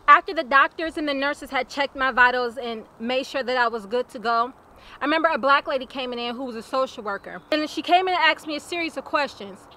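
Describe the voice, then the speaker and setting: A woman's voice: sits high, a little fast, bright, forceful tone, slight background noise. A young woman recounting her own life in an earnest, plainspoken personal testimony, repeating phrases for weight. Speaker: survivor telling her own story.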